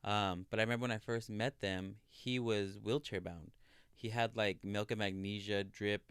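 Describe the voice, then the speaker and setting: A man in his thirties chats casually on a podcast in a low, smooth voice. He tells stories earnestly, with plenty of fillers. The sound is close and dry. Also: steady tone, moderate pace, a bit bright, dry recording. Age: 30s. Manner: chatty, earnest storyteller with many fillers. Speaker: podcast co-host. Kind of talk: casual chat.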